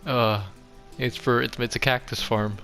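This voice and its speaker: Speaking unhurriedly with fairly even intonation, the young man has a medium-pitched voice that sounds creaky and sharp. He's a gaming video host giving a loose, self-mocking tour of a game over background music.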